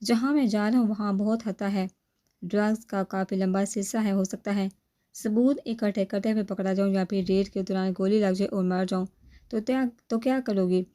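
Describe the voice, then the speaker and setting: A woman's voice: medium pitch, steady tone, mellow, natural voice. A woman voicing a young male police officer who teases his wife in a storybook reading. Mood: teasing.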